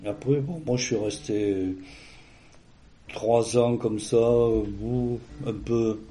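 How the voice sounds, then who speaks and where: A man's voice: mid-range voice, steady tone, takes it slowly, dark tone. A man being interviewed, recounting a personal story in a casual, rambling way with many restarts and fillers.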